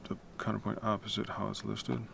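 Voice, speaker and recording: Working in a home room at night, this music composition streamer rambles casually in a deep baritone with vocal fry and a brisk pace. He's laid-back, swears offhandedly and keeps his voice low so as not to make noise. Background noise, including typing, is noticeable.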